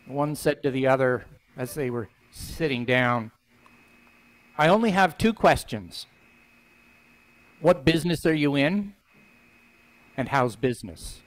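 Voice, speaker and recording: An older man reading scripture aloud and preaching in a church sanctuary on a headset mic, voicing quoted lines with lifted pitch. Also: slow, pauses often, poor audio. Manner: expressive reading, voices quoted lines higher; stands at the front holding a book, conversational preaching. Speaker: minister.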